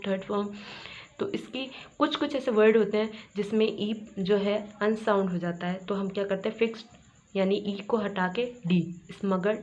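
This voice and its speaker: A woman's voice: medium pitch, a little mellow. A woman from Pakistan, teaching an English grammar lesson, repeating words and asking and answering her own questions. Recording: dull, slightly noisy recording.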